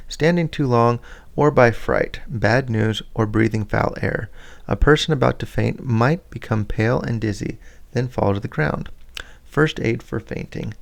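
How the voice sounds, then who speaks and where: A man reads a first-aid manual aloud in a steady, unhurried way, now and then stumbling and restarting a word. His voice sits at a middle pitch and carries a strong gravelly fry throughout. He breaks off briefly to comment on the text. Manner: plain, steady read with small slips and restarts. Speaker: reader of a scout handbook.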